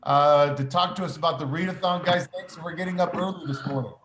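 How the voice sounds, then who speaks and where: Over the intercom, a male principal delivers cheerful, encouraging morning announcements in a voice on the high side, keeping a steady tone and a fairly quick pace while often saying "uh." It carries the intercom effect, recorded in an echoey space with a little noise.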